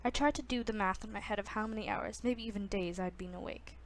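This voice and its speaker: A woman's voice: mid-range voice, fast talker, a little hiss or hum. A woman casually reading a novel aloud, stumbling, restarting and breaking off with self-conscious asides. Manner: frequent restarts. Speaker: reader.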